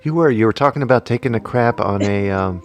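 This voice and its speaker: A man's voice: on the low side, fast, faint music behind. A man co-hosting a comedy podcast, joking and teasing his co-host in casual banter.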